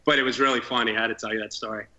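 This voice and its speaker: A male comedian guest telling stories in an excited, rambling way during a casual chat. His voice is very bright and sharp, at an ordinary pitch for a man. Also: racing, muffled recording.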